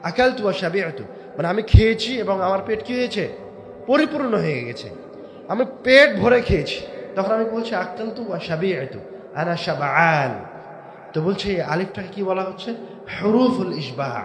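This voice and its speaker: A man preaching a waz sermon, swinging between shouted emphasis and low drawn-out words, with rhetorical questions to the crowd. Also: roomy sound, background noise. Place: large outdoor religious gathering.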